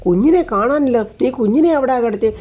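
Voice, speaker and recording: A woman's voice: a little high, lively intonation, a little fast, dark tone, breathy edge, voice pushed up. A woman voicing a worried older housemother who asks urgent questions and gives orders. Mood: alarmed.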